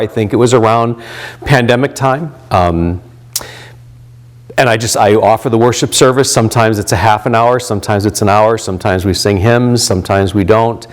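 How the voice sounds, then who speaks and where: A man in his late fifties with a deep, low voice talks through his volunteer ministry work. He speaks in a loose, rambling way, full of "um"s and restarted sentences. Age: 50s. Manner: rambling, many fillers and restarts. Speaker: volunteer chaplain and pastor. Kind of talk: reflective interview talk.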